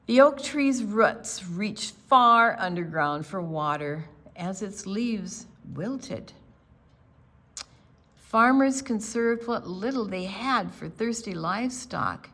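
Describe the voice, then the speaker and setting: During storytime, a mid-range-voiced woman reads a picture book to young children. Her delivery is deliberate and expressive, and she drops in offhand comments about the illustrations.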